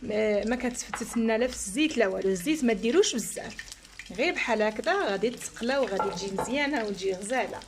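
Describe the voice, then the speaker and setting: A Moroccan-accented woman hosts a home cooking tutorial, talking fast and chatty as she explains every step. Her voice sits a little high, and a faint hum of background noise runs under the recording. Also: expressive. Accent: Moroccan Arabic. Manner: chatty, explains each step while working. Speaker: cooking channel host.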